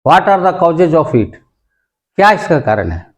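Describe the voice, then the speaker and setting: In this classroom-style grammar lesson, a man's rather high voice swings widely in pitch. His delivery is slow and deliberate as he goes over each point again and poses questions to his listeners, supplying the answers himself.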